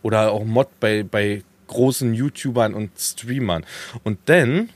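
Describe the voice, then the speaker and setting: A man's voice: fairly low pitch, measured pace. A man co-hosting a casual podcast, laid-back and teasing in conversation. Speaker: podcast co-host. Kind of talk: casual chat.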